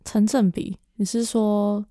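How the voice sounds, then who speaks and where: A young woman co-hosts a casual chat in Taiwanese-accented Mandarin. Her voice is soft-edged and mellow at a medium pitch, recorded dry, and she comes across as an attentive, agreeing listener. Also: level tone, slow pace, dry recording. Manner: attentive, agreeing, backchannels often.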